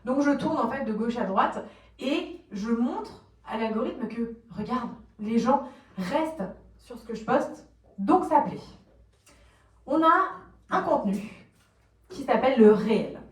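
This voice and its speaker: A French woman giving a lively conference talk, explaining plainly, asking the audience questions and acting out quotes. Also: on the high side, measured pace, long pauses. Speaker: conference speaker on social media marketing. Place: conference room, recorded from a distance. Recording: roomy, distant conference recording.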